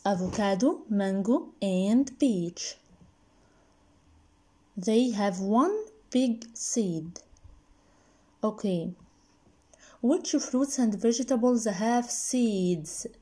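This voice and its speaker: Slow, patient woman teaching English. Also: mid-range voice, expressive, mellow, breathy edge. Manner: patient, has pupils repeat after her. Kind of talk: slow, repetitive drilling for young pupils. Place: indoors at a laptop desk, voice-over on screen recording.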